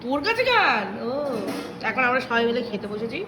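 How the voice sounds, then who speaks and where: Chatty quick-talking young woman vlogger. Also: fairly high pitch, music in the background. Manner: chatty, excitable. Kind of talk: casual vlog narration. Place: family home and outings.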